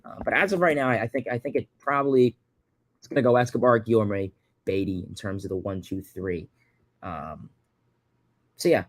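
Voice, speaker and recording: With a fairly low voice at a normal speed, a Long Island man in his early twenties takes viewer questions on a casual livestream, leaving long pauses. He rambles, repeats words, and uses plenty of fillers, and the recording has no echo.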